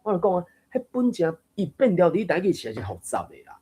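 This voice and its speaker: A man with a husky, slightly breathy voice leads a casual reading-group chat. He explains points patiently and thinks aloud, now and then chuckling. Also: high voice, huge pitch swings, fast talker, mellow. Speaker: host of a Taiwanese reading group. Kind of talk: casual discussion of a book reading.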